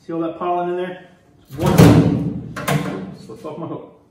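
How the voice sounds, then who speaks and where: Demonstrating a honey harvest, a middle-aged beekeeper from Maryland explains things in a relaxed way while working with his hands. His high voice runs a little slow and sounds far from the camera mic a few feet away. The indoor workroom's hard surfaces make it echoey, and the recording is very noisy.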